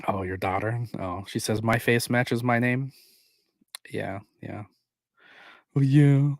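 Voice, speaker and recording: A man's voice: medium pitch, fairly even intonation, creaky, dry recording. Dude cohosting a stream, keeps tripping over his first words, dry mic. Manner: halting, repeats words when starting a sentence. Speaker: podcast co-host. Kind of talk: casual chat on a livestreamed podcast.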